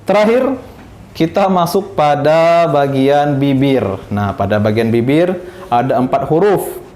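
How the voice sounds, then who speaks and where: A male teacher from Indonesia giving a recitation lesson, speaking slowly and patiently and drilling each letter sound again and again. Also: on the high side, lively intonation, darkish tone. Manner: slow, patient, repeats each syllable for practice.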